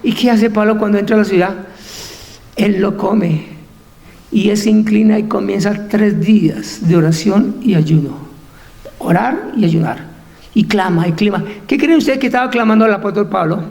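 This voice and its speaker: Male pastor preaching hard, really high gravelly voice, lots of hall echo. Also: moderate pace, a little mellow. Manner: fervent preaching, acts out Bible voices, rhetorical questions. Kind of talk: sermon.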